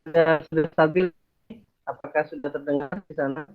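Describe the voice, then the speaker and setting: Lecturer on a choppy breaking-up call. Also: male voice, on the high side, level tone, a little fast, no echo. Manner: keeps checking whether he can be heard. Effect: choppy, breaking-up video call audio. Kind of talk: online class over a video call. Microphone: video call. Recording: tinny, dry call audio.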